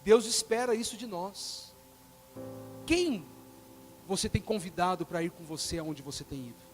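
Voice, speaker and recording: A man preaching a sermon, acting out quoted dialogue and swinging between loud bursts and soft, quiet lines. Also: high-pitched, normal speed, faint music behind.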